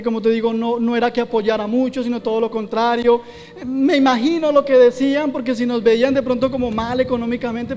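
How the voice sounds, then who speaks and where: A man's voice: extremely high pitch, a little mellow, in a large hall. A man preaching a sermon, telling a personal testimony and quoting his own prayers aloud. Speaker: pastor. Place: church hall.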